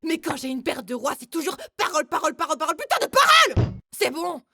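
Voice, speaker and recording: A woman playing a brash, loud, foul-mouthed, hot-tempered woman in a cartoon. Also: high-pitched, a little fast, creaky, no room sound, studio quality. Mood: furious ranting. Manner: loud, exclamatory, swearing. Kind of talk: animated cartoon dialogue.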